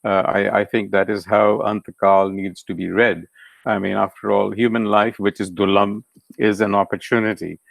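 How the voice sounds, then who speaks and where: A man's voice: lowish voice, level tone, moderate pace, gravelly, dry recording. A man moderating an informal scripture discussion, explaining his points reflectively with restarts.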